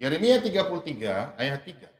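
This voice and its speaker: Brief: male preacher with a high, lively voice, shouting key words and dropping low in between. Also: reverberant. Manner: swings between shouted emphasis and low asides; drawn-out, stressed words. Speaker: pastor. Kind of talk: energetic sermon.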